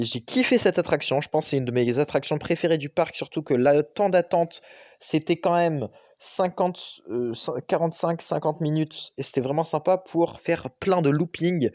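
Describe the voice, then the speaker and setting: Chatty young man, mellow, lo-fi. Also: a little high, no room sound. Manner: chatty, enthusiastic, frequent hesitations. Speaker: vlogger. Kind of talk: casual voice-over vlog. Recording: dull lo-fi dry recording.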